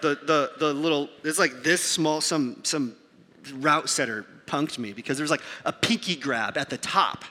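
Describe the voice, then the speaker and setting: A man in his thirties delivers a sermon as a lively, self-deprecating story, acting out the voices of the people in it. His voice sits high and sounds very bright and forceful. It rings out through a large hall with a long reverb. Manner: animated, self-mocking storyteller who acts out voices. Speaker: pastor.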